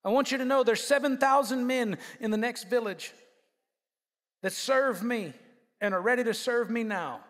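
A man voicing God as patient and gently stern, speaking low and calmly. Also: normal speed. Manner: low, calm, soothing, matter-of-fact. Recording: long hall reverb.

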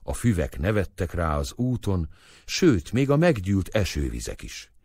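A man's voice: low voice, slightly rough, no echo, clean studio sound. A man narrating a classic story as an audiobook, reading expressively and raising his voice for the dialogue. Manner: expressive, acts out dialogue with raised voice. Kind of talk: scripted literary narration.

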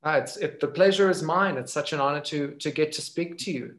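A young adult man hosting a live interview over a video call, speaking eagerly with warm praise and some stumbles. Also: on the high side, brisk. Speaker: host. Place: room indoors.

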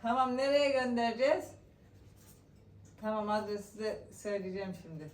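A woman's voice: medium pitch, moderate pace, far from the mic, close to an everyday voice. A woman playing a stern female shop boss in a comedy sketch, scolding her worker and then taking the order in a businesslike way. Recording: echoey room, off-mic.

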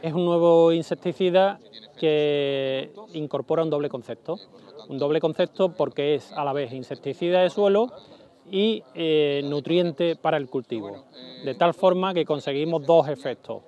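Explanatory man, slightly high, dull sound. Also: normal speed, warm tone.

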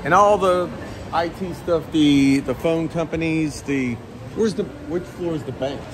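Background noise surrounds a middle-aged travel vlogger whose fairly high voice moves at a measured pace. He records himself at arm's length with a handheld camera in an outdoor village and inside a shopping mall. His talk is casual and rambling, with frequent laughter and restarts.

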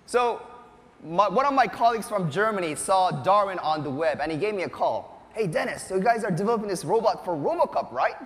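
On a large indoor conference stage, an enthusiastic thirty-something robotics researcher presents a live keynote tech demo, his high-pitched voice a little fast. He plays the animated showman, and his lapel mic captures the long reverb of an echoey hall.

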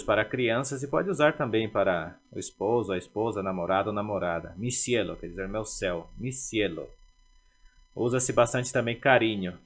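A man teaching a language lesson, repeating words slowly and carefully to drill their pronunciation. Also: lowish voice, a bit bright.

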